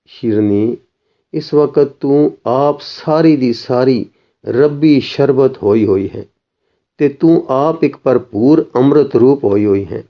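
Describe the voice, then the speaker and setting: A man reading the lines of a gentle, saintly male master in a soft, consoling way, as part of a recorded story reading. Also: medium pitch, takes it slowly, dull audio. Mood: tender, consoling.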